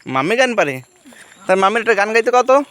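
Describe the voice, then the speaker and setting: A young woman, a mother, chatting gently and coaxingly with her small child while filming on a walk outdoors. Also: fairly high pitch, sing-song, fast talker. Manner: gentle, coaxing, speaks softly to a toddler. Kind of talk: casual chat with a small child.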